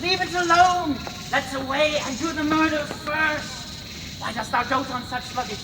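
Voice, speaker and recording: Woman playing Caliban, a slow, high-voiced stagey monster. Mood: exasperated. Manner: stagey, declaiming in archaic English. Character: Caliban, wheedling resentful monster servant. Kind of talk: live stage performance of Shakespeare. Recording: noisy live outdoor stage recording.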